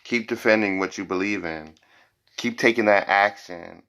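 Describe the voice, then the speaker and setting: A man hosts an informal, improvised tarot and psychic reading for viewers, blunt and emphatic, repeating phrases and sometimes swearing. His pitch is fairly low, his speed normal, with a slightly bright tone.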